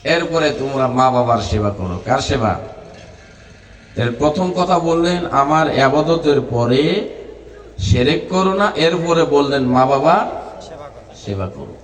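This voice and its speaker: A man's voice: medium pitch, expressive, slow pace, pauses often. A man preaching a sermon, chanting his lines and breaking into melodic sung passages. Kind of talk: Bangla waz sermon. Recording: echoey hall, voice from far off.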